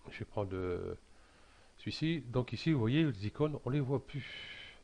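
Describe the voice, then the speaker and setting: A man talking through a casual software tutorial, hesitant and full of fillers and restarts. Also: mid-range voice, expressive, unhurried.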